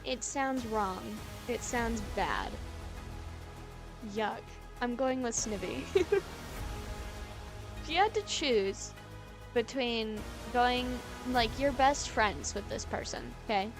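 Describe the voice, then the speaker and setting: A woman's voice: a little high, slow pace, music in the background. A woman live streaming in casual chat, rambling, giggly and playfully argumentative, often correcting herself mid-thought.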